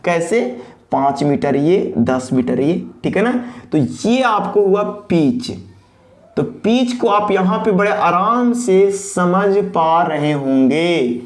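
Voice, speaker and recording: A man's voice: sits high, animated, slow. A man giving a technical lecture who asks questions and answers them himself, repeating key terms and mixing in English phrases. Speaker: teacher. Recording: echoey room.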